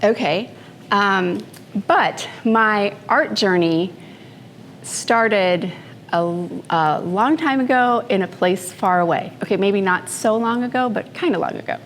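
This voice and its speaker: A Filipino woman in her fifties speaks into a handheld microphone at a morning talk, addressing a live audience in an event room. Her medium-pitched delivery is personal, unhurried, and conversational, with fillers and asides. Slight background noise can be heard.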